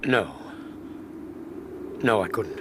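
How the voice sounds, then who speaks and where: An actor playing a steady, protective doctor, reassuring yet alert and urgent, in a radio drama. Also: male voice, lowish voice, drawn-out words, heavy background noise. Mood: alarmed.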